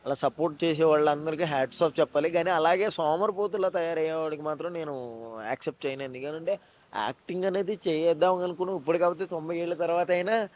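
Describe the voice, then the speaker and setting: A man, an actor and mimicry artist, telling stories fast in a casual interview with joking asides. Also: a little high, darkish tone.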